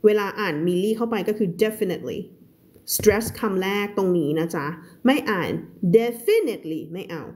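A woman's voice: mid-range voice, animated, brisk, few pauses, darkish tone. A woman English teacher giving a live reading lesson, explaining words one by one and repeating them to drill stress and sounds.

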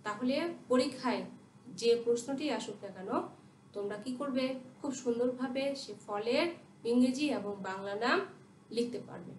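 A woman's voice: on the high side, normal speed, darkish tone, a little hiss or hum. A woman teaching a primary class, spelling English words letter by letter and asking her pupils questions she answers herself. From Bangladesh. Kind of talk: recorded classroom lesson. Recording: echoey room, voice from a distance.

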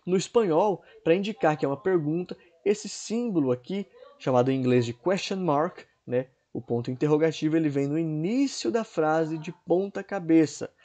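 A man's voice: a little high, moderate pace, mellow. A man teaching an English grammar lesson to students online, explaining step by step and checking in often with "right?". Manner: explanatory, repeats checks like "certo?" and "né?"; clears throat now and then.

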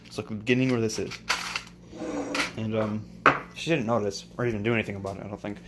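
A man's voice: on the low side, steady tone, fast, very noisy. A young man rambling crudely in a casual home vlog while he cooks in his kitchen, swearing often and mumbling offhand. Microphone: phone camera held and moved around.

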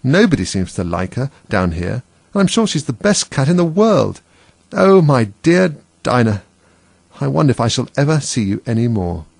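Storybook little girl, done by a man: earnest, apologetic, animated pitch, close dry sound. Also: quick pace, vocal fry, husky, dry recording, heavily acted. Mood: melancholy. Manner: eager, apologetic. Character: Alice, polite earnest little girl, easily upset.

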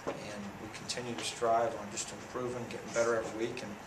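A football coach in his thirties speaks at a post-game press conference in front of a sponsor backdrop, his low, even voice barely rising or falling. He's plain and measured, with many fillers and restarts, captured by a distant camera in an echoey press room over a steady hiss.

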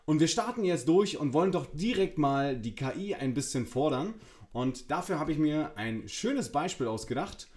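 A man's voice: fairly high pitch, animated, normal speed, a little mellow. A man hosting a demo video, enthusiastically giving spoken commands and commenting on the results. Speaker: host. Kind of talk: tech demo presentation.

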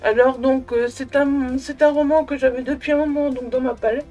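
A young woman giving a casual, effusive book review to camera at home, in a halting way that often repeats words. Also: high voice, steady tone, dark tone, faint music behind. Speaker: book vlogger. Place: small room at home with bookshelves.

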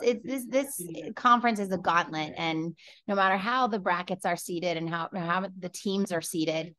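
A woman in her forties, a head coach, answering press questions over a video call from an office, measured and full of fillers and restarts. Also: fairly low pitch, gravelly, a bit bright. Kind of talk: postgame press conference answers. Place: indoor office with large window. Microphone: laptop webcam on video call.

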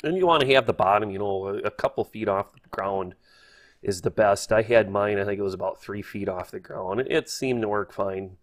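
In a brisk, low-sided voice, a man hosts a relaxed hobby tutorial spoken over his screen. The hobbyist instructor muses aloud in a folksy, hesitant way.

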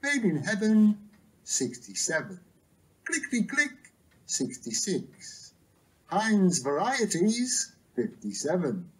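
A bingo caller announcing numbers with traditional rhymes, each rhyme followed by the number in a lower, falling tone. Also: huge pitch swings, slow pace, husky, rough recording.

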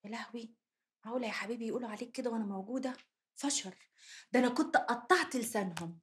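Brief: actress as a sharp-tongued Egyptian girl, rapid and needling. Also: on the high side, a little hiss or hum, close to an everyday voice. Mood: teasing. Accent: Egyptian Arabic. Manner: teasing, quick, quarrelsome. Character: sharp-tongued young woman teasing her cousin.

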